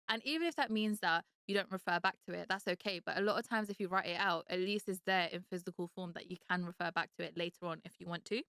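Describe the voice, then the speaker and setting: A woman's voice: on the low side, fairly bright tone, clean tone, no echo, studio quality. A woman in her late twenties hosting a solo podcast, talking candidly and reflectively in a chatty way, with lots of filler words. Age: late 20s. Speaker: podcast host.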